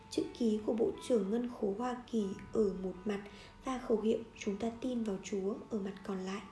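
A woman reading a nonfiction book aloud in a steady, measured way, now and then correcting a slip. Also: a little high, reverberant. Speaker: audiobook reader.

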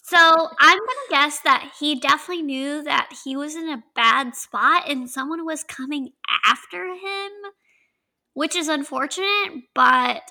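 A woman in her twenties with a Southern accent, co-hosting a podcast in casual chat, chatty and quick to laugh. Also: sits high, pushed and bright, poor audio. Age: 20s. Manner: chatty, laughs often, draws out words. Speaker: podcast co-host.

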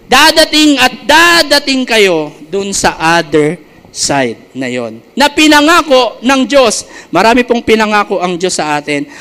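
A man's voice: very high voice, pushed and bright, clear, resonant tone. A man preaching a sermon to a congregation, stretching key words and often asking the listeners questions. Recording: reverberant hall.

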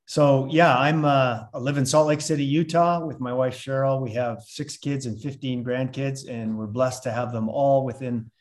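An older man from Canada, a retired consultant turned coach, talking reflectively in a relaxed interview with many "uh"s and restarts. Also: mid-range voice, moderate pace, few pauses. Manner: reflective, with frequent fillers and restarts. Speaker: podcast guest, coach. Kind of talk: casual interview chat.

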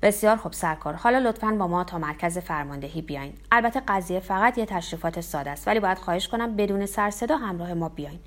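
Keep it soft: woman as a courteous military policeman calming a man down. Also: lowish voice, hardly any pauses, lightly acted. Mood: soothing. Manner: polite, soothing, colloquial.

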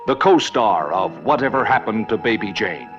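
Theatrical, animated 1960s trailer announcer, man. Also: on the low side, normal speed. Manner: ominous, theatrical. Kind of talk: 1960s dramatic film trailer narration. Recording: dull old film trailer, loud music.

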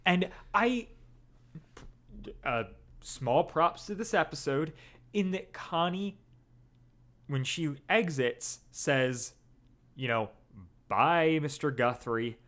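Animated young man reviewing an episode. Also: fairly high pitch, slow pace, long pauses. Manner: animated, laughing, jumps into playful quoted voices. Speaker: podcast co-host. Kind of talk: casual chat reviewing an audio drama episode.

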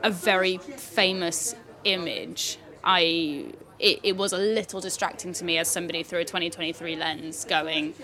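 In a noisy pub, over crowd chatter, a woman co-hosts a podcast, chatting casually about films and restarting her sentences often. Her fairly low voice is bright and forceful, with a steady tone, normal speed and few pauses.

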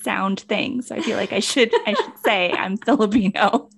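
A young woman co-hosting a casual podcast chat, wry and self-deprecating, often halting mid-sentence. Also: mid-range voice, vocal fry, slightly rough. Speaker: podcast co-host.

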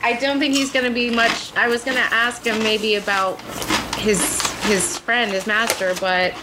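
A woman plays a tabletop game in a somewhat high voice. She chats casually, hesitating as she thinks aloud. Clear noise sits behind her. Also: fairly even intonation, moderate pace. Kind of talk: casual in-character game chat.

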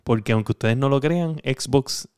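A man's voice: mid-range voice, measured pace, a little mellow. A man hosting a casual gaming podcast, rambling and teasing, full of filler words. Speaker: podcast host.

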